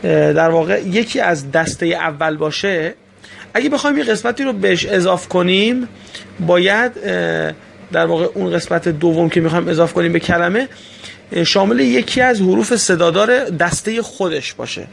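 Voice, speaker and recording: High-voiced, gravelly man teaching a language. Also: slight background noise. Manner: patient, explains step by step with frequent hesitations. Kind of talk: explanatory language lesson.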